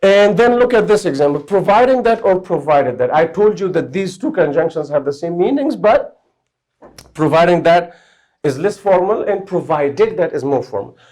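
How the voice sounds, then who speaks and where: A man's voice: sits high, lively intonation, moderate pace, darkish tone. Man teaching an English grammar class. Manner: explains step by step, often checks understanding.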